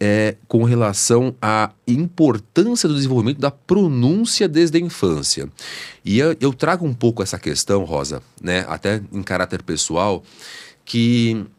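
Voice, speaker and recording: A man's voice: medium pitch, animated, moderate pace. A Brazilian man hosting an interview, talking hesitantly and adding tag questions after almost every phrase. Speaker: host and teacher.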